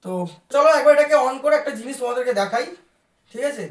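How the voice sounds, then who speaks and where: Speaking fast in a high-pitched voice, this woman vlogger does a chatty unboxing, addressing viewers directly and slipping English words into her talk. The room sound echoes around her as she shows off the product.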